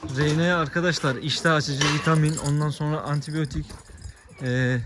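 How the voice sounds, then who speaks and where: A man vlogging outdoors on a farm. He chats casually to viewers and shouts sharp calls and scoldings to his dogs. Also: fairly high pitch, steady tone, moderate pace, heavy background noise. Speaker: vlogger and dog owner.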